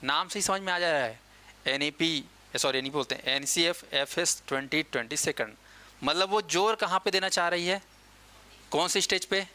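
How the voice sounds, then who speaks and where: Bright, clear-voiced male coaching teacher. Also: a little high. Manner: quizzing students with quick questions and answering them himself; slows down to dictate key dates and terms. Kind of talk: classroom lecture.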